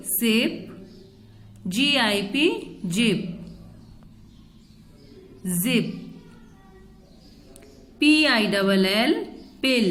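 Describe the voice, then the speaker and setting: A woman's voice: fairly high pitch, fairly bright tone. A woman teaching a phonics lesson for children, spelling each word letter by letter before saying it, mixing Hindi with English teaching phrases. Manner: spells out letters one by one, then says the word.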